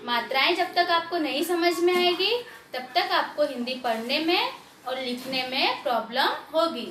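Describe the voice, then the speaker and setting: A woman teaching young children Hindi, spelling words out slowly syllable by syllable and quizzing the class to read along with her. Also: sits high, expressive, bright, forceful tone, a little hiss or hum. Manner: patient, repeats and questions the pupils, drills them to read along. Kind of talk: slow spelling-out lesson, sounding out each syllable. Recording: roomy echo with faint ambience.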